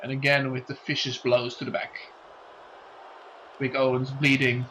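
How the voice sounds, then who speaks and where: A man's voice: medium pitch, completely flat delivery, normal speed, bright, forceful tone, slight background noise, low-quality recording. A man working as a wrestling commentator, making dramatic calls and drawing out key phrases.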